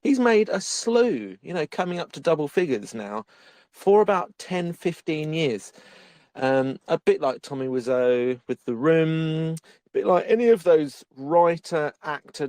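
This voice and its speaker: Casting note: male film-review podcast co-host, giggly and rambling, mid pitch, dry close mic. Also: a little mellow, no echo. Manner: chatty, laughs often, rambling restarts. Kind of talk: casual film-review chat.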